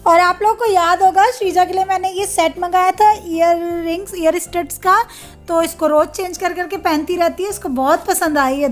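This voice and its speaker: A woman in her thirties chatting casually at home in a family vlog, often asking viewers to agree with her. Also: very high-pitched. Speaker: family vlogger.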